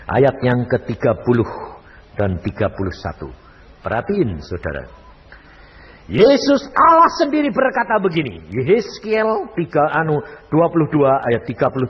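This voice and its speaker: A male evangelist preaching a sermon, telling stories and swinging between hushed and loud delivery. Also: medium pitch, slightly rough. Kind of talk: sermon with storytelling. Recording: reverberant hall, dull lo-fi sound.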